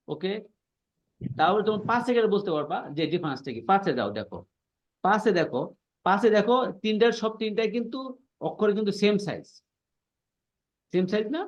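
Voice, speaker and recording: A man's voice: high voice, highs cut off. A male language teacher explaining pronunciation in an online class, patiently repeating points and checking that students follow.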